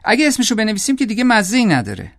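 Guy reading as eager little boy in a storybook, pitched up, pushy and pleased with himself, dry close sound. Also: huge pitch swings, vocal fry, a bit bright, no room sound, full character voice. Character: excited boy naming the family house.

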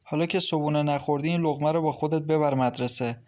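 A man's voice: on the high side, steady tone, darkish tone, lightly acted. A man voicing a stern, irritable middle-aged mother-in-law who speaks curtly in an audiobook.

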